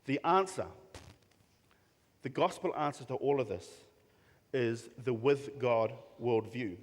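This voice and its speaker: A man's voice: medium pitch, lively intonation. Earnest male pastor in a reverberant hall. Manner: earnest preaching with pauses and repeated phrases. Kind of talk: sermon. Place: church hall.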